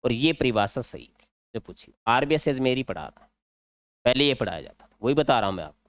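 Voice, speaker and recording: A man with a Rajasthani Hindi accent teaching an exam-prep grammar lesson, explaining slowly and repeating key words. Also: mid-range voice, animated, dry recording.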